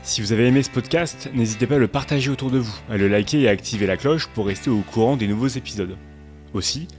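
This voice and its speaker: A man hosting a podcast, asking his guests questions in a measured, reflective way. His voice is somewhat low. A faint bed of music plays under his speech. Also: darkish tone. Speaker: podcast host. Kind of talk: podcast interview.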